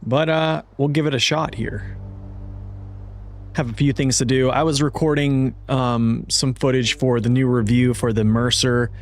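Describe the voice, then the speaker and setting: A man's voice: medium pitch, fairly even intonation, measured pace. A man chatting casually on a gaming livestream, laid-back, his speech slightly slurred from a mouth numbed at the dentist. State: numb-mouthed after dental work, slightly slurred. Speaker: video game live streamer.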